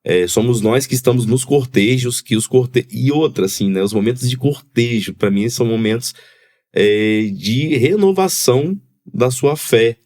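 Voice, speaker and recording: A man's voice: mid-range voice, a little mellow. Capixaba guy, podcast guest, thoughtful, keeps restarting his sentences. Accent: Capixaba Brazilian Portuguese. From Espírito Santo, Brazil. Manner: reflective, halting with repeated restarts. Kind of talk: casual conversation.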